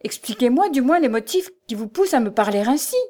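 A woman's voice: fairly high pitch, very animated, moderate pace, darkish tone. A woman reading aloud, voicing a bewildered young nobleman who questions his wife with urgent alarm. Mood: protesting.

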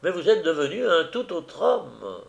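A man reading aloud as an impatient, agitated middle-aged gentleman. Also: fairly high pitch, sing-song, unhurried, vocal fry, highs cut off, pitched above the performer's own voice, full character voice. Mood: exasperated.

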